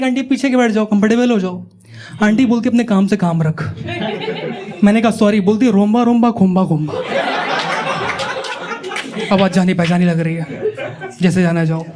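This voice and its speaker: A man's voice: high-pitched, a little mellow. A young man from Uttar Pradesh doing stand-up, telling stories in a chatty way, teasing the audience and acting out the people in them. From Uttar Pradesh, India. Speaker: stand-up comedian. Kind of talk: stand-up comedy storytelling. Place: comedy club stage before a live audience. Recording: live show with audience laughter.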